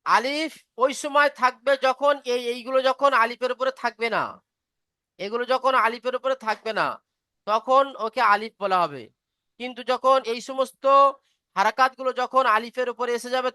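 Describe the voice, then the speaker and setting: A woman's voice: fairly high pitch, normal speed, bright, forceful tone, no room sound, studio quality. A woman teaching a beginner reading class online, patiently explaining step by step and asking if students follow.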